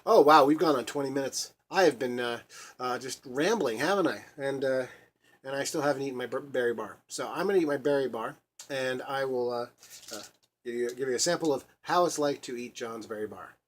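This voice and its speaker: A man hosting a solo podcast, rambling casually with frequent restarts, fillers and laughs. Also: medium pitch. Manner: halting, many restarts and laughs. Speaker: podcast host.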